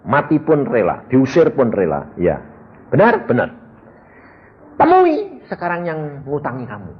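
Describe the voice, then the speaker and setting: A man's voice: medium pitch, unhurried. An older man with a Javanese accent preaching a storytelling sermon, acting out dialogue in different voices. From Central Java, Indonesia. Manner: animated, acts out dialogue in voices. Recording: dull lo-fi recording with faint noise.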